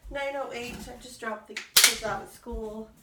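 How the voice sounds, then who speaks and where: A woman in her thirties chats slowly and loosely while she cleans, her breath a little short. She sits a few steps from the mic in a roomy kitchen. Loud clattering dishes and cutlery fill the space around her. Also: on the high side, steady tone, distant mic, very noisy. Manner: unhurried, meandering, many ums. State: slightly out of breath. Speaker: vlogger. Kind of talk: rambling casual chat while cleaning. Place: home kitchen.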